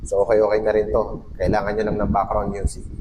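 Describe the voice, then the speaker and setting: A man's voice: lowish voice, fast talker, noisy background. Man on a mic with digital echo. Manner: relaxed and explanatory, sound-checking. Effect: digital reverb echo from the mic's built-in effect. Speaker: tech vlogger reviewing a wireless mic. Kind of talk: casual product test. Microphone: clip-on wireless microphone.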